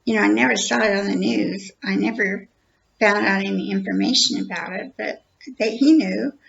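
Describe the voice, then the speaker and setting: A woman's voice: medium pitch, moderate pace, vocal fry, a little hiss or hum. A woman giving an earnest, repetitive personal account, acting out the dialogue as she tells it. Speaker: storyteller. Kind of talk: personal account told to camera. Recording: dull lo-fi recording.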